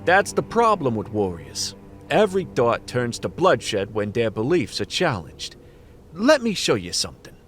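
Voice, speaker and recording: A man voices a jaded, knowing private eye in a noir-style fantasy radio play, moving unhurriedly between narration and dialogue. Faint music plays beneath his deadpan, brooding delivery, which ranges widely in pitch and carries a grave, knowing mood.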